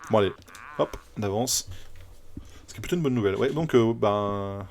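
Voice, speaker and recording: A man's voice: on the low side, normal speed, noisy background. A man streaming a video game, chatting casually and rambling with many fillers and restarts. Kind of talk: casual live gameplay commentary.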